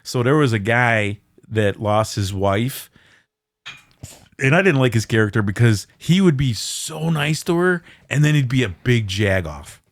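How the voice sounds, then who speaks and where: A man co-hosting a casual horror movie podcast, talking excitedly with lots of stammering restarts and blunt, profane words. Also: medium pitch, unhurried, dry recording. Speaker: podcast co-host.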